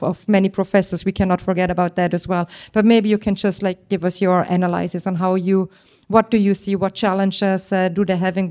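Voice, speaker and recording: A woman's voice: lowish voice, darkish tone. A woman moderating a panel, posing long framing questions with hesitations. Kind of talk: panel discussion.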